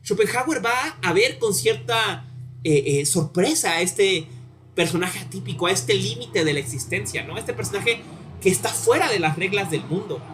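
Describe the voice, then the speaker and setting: Man, Mexican accent, high voice, clear bright tone, casual university lecture, stumbles and repeats words. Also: animated, moderate pace, slight background noise. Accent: Mexican Spanish. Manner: conversational, frequent tag questions, stumbling repetitions. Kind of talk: informal lecture.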